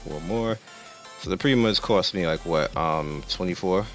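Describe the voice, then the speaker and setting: Deep-voiced man explaining game menus. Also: moderate pace, a bit bright, soft background music. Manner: rambling, self-correcting, explains while clicking through menus. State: losing his voice. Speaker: gaming channel host. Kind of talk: casual gameplay commentary.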